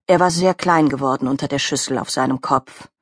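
A woman reading a children's story as the narrator, with lively, expressive storytelling on a close studio mic. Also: extremely low pitch, brisk, no echo. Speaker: audiobook narrator.

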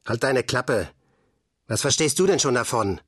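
A man's voice: mid-range voice, animated, unhurried, a bit bright, slightly rough, no room sound, studio quality. A man voicing a bossy boy from a children's gang who cheers his friend on and snaps rudely at his sister, in a storybook reading. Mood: scornful. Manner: cheering, then hissing insults.

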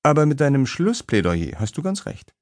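A man narrating a romance audiobook in the first person, with a dry, sardonic, measured delivery into a close studio mic. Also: medium pitch, very animated, a little mellow, dry recording.

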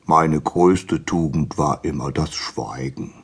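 A timid storybook fish answers slowly and quietly, as if afraid to speak at all, as a man acts him out. The voice is low and husky. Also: full character voice. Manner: slow, hushed and fearful. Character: timid, silent male fish. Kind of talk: storybook character voice.

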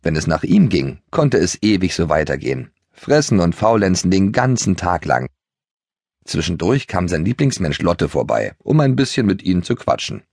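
A man narrating a children's audiobook in a lively storytelling manner. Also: low-pitched, normal speed, vocal fry, breathy edge, no echo. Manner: animated storytelling. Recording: dry studio recording.

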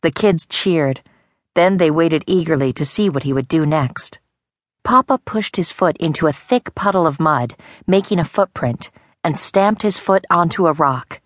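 Low-voiced woman reading a kids' story. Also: measured pace, dry recording, studio quality. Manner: lively, expressive storytelling. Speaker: audiobook narrator. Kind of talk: children's audiobook narration. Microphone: close studio mic.

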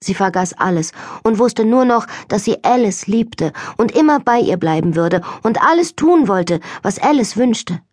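A woman narrating an audiobook in a calm, measured storytelling manner. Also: medium pitch, no echo.

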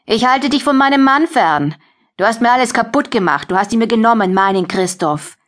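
A woman's voice: mid-range voice, lively intonation, moderate pace, close to an everyday voice. A woman voicing a cruel, mocking pregnant young woman who holds another woman captive, in an audiobook. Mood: bitter. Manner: mocking, contemptuous. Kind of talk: audiobook character voice.

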